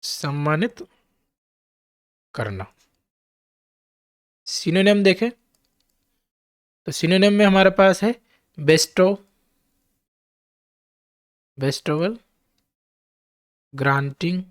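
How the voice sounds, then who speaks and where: A man's voice: sits high, lively intonation, very slow, pauses often, no echo, studio quality. A man teaching English vocabulary to exam students, spelling each word out letter by letter and checking in with his listeners.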